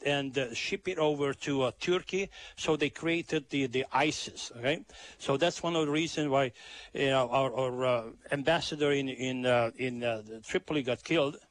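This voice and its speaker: A man with a slightly high voice talks as a guest on talk radio. He is halting, doubles back on his words and often stops to check that he is followed. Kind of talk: unscripted political radio discussion.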